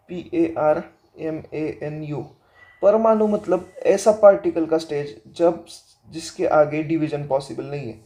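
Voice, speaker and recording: A male teacher with a sore throat giving a lesson in a slow, deliberate way, reading the textbook aloud and then explaining it while mixing Hindi and English. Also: on the high side, mellow. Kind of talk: classroom lecture.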